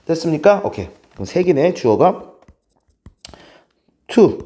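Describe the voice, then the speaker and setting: Animated man lecturing. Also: fairly high pitch, moderate pace. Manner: keeps checking in with rhetorical questions. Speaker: English teacher. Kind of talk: lecture explaining English grammar.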